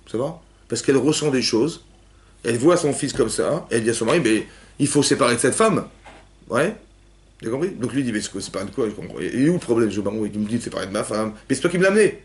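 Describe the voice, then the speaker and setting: A man teaching a lively class to young women, asking questions and acting out cries and quotes. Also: medium pitch. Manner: animated, asks questions, acts out cries and quotes. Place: synagogue hall with young women students.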